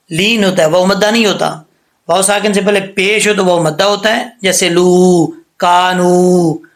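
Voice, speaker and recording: A man teaching tajweed rules step by step, patient and repetitive, often checking "theek hai?" and slowing down to recite the examples. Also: sits high, a bit bright. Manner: slows to drawn-out recitation for examples.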